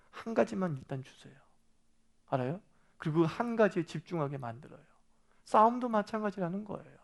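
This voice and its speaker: A male pastor preaching a sermon in a conversational way, often asking the congregation questions and acting out quoted lines. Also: high-pitched. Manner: acts out quoted lines with animation.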